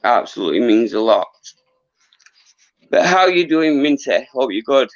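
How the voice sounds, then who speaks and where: A middle-aged man talks casually to his livestream viewers, earnest and rambling, with frequent halts. His voice is mid-pitched and giving out a little. The sound is dry and somewhat muffled, like a lo-fi phone stream. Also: sing-song, moderate pace, no echo. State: losing his voice. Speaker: livestream host, former boxer. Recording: dull lo-fi livestream audio.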